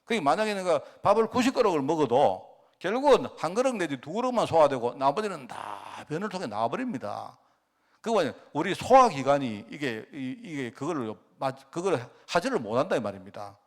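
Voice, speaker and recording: A male pastor in middle age, speaking with a Gyeongsang Korean accent, tells a story during a sermon. His voice sits fairly high and moves a lot, and he keeps throwing rhetorical questions at the congregation. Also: very animated, fairly quick.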